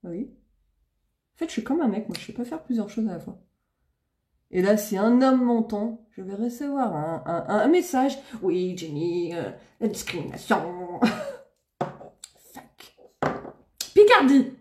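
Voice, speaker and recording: Bubbly high-voiced woman live-streaming makeup. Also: very animated, moderate pace, pauses often, a little hiss or hum. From Seine-et-Marne, France. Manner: bubbly, exclamatory, laughs often. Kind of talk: chatty live-stream talk to followers. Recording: echoey room.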